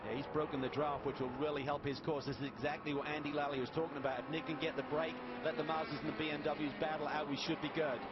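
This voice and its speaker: Male motorsport commentator, rapid live race calls and analysis, dull broadcast sound with heavy vehicle noise behind. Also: on the high side, level tone. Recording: dull broadcast audio over loud track noise. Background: loud trackside vehicle noise.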